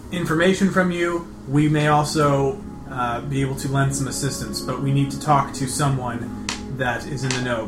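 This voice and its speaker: A man voicing a polite adventurer in a tabletop game, pleading formally but haltingly, with fillers. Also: fairly high pitch, lightly acted. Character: polite male adventurer negotiating with a guard. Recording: roomy, echoey room.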